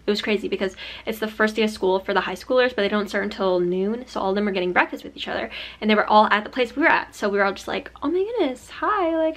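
A woman's voice: mid-range voice, a bit bright. A young adult woman vlogging in a casual, gushy way, rambling and acting out her own reactions with lots of "like". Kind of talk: casual chatty vlog.

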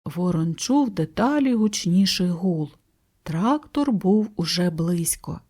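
A woman narrating a children's audiobook in an expressive, gentle storytelling manner. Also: lowish voice, takes it slowly.

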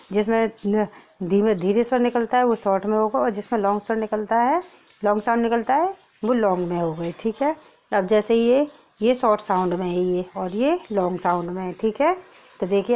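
A woman teacher with an Indian accent giving an online class to young children, spelling out simple words slowly and patiently. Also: mid-range voice, a little mellow.

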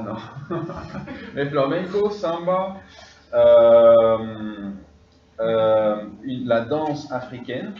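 A man teaching a French class, speaking slowly, repeating his phrases and slipping now and then into English. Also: lowish voice, distant mic. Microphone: distant room recording. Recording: echoey classroom recorded from afar, dull.

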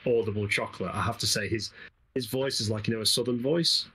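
Man, East Midlands accent, rapid chatty gameplay talk, slightly low husky voice. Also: crowd noise, low-quality recording. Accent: East Midlands English. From England. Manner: chatty, rambling, laughs often. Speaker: gaming channel host. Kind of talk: casual co-op gameplay commentary.

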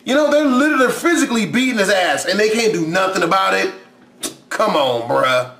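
A man reacting to a video with loud, incredulous and profane casual commentary. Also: high-pitched, expressive, fairly quick, reverberant. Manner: loud, incredulous, swearing, mocking.

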